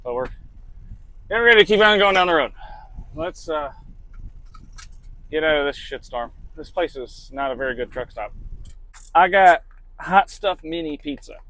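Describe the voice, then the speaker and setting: A man's voice: a little high, animated, normal speed, long pauses, sharp tone. Laid-back swearing trucker man. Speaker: truck driver. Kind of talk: casual vlog narration.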